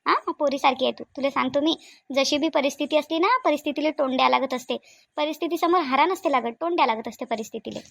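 A motherly older village woman fusses in a Varhadi accent for a cartoon, her voice high and her talk quick. She coaxes and repeats herself over and over. The recording is close and dry. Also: vocal fry, dry recording. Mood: comforting. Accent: Varhadi Marathi. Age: middle-aged. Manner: coaxing, fussing, repeats herself. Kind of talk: cartoon voice acting.

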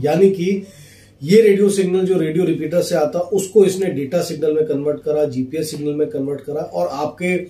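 In an echoey small office with faint background noise, a product seller and reviewer casually unboxes and demonstrates an item, explaining as he goes. His voice is fairly high and mellow, and he slips in English phrases.

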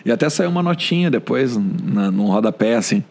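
A husky-voiced man with a Gaúcho accent chats on a podcast as a sports journalist. He tells anecdotes casually and acts out the voices of the people he quotes, at an ordinary middle pitch. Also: animated, brisk, darkish tone. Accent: Gaúcho Brazilian Portuguese.

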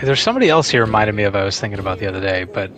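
Male co-streamer, fairly low voice, casual gameplay banter. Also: expressive, rapid-fire, fairly bright tone. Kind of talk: casual chat over gameplay.

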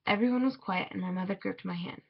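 A woman reading a children's picture book aloud in a measured, expressive way. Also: medium pitch, vocal fry, slightly rough. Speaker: storybook reader. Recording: dull lo-fi recording.

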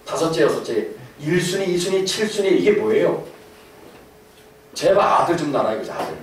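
A middle-aged man giving a lively lecture to an audience, with laughing asides and questions to his listeners. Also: fairly high pitch, fairly quick. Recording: echoey hall, from far off, faint noise.

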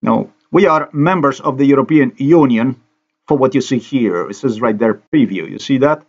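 Man from Slovenia, native Slovenian, angry accusatory monologue, mid-pitched, slightly muffled recording. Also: normal speed, a little mellow, husky. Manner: ranting, accusatory, repetitive. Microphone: voice-over on screen recording.

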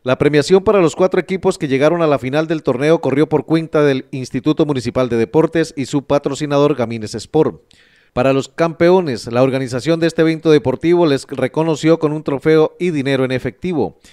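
A man reading a local news report in a steady, measured way. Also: a little high, no room sound, studio quality. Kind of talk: read news narration.

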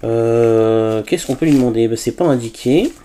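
A warm, mid-range male voice at normal speed belongs to a tech reviewer casually unboxing a product. He throws in frequent "hop"s and small hesitations as he talks.

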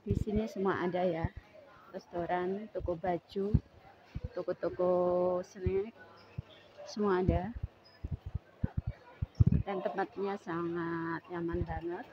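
A woman from Indonesia giving a slow, relaxed walking-tour commentary through an indoor mall. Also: on the low side. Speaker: vlogger. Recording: dull lo-fi camera audio with loud mall noise.

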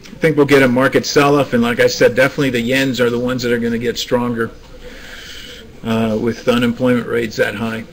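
Man hosting live market calls, halting, restarts a lot, mid pitch. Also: little pitch movement, low-quality recording. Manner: hesitant, restarts, coaxing the screen. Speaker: forex trading room host. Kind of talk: live market commentary to traders. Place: trading room, screen recording.

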